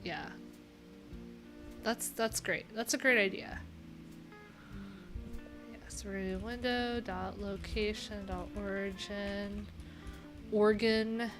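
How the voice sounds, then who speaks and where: Guitar music plays behind a thirty-something web developer as she hosts a relaxed coding live stream indoors, musing playfully in bits and pieces. She speaks at medium pitch with fairly even intonation, slowly and with long pauses.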